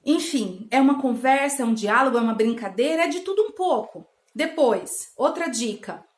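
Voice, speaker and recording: High-voiced woman in an echoey bedroom. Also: expressive, normal speed. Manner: warm, coaxing, acts out playful dialogue with a child. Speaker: channel host giving parenting tips. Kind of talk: casual home teaching talk. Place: children's bedroom at home.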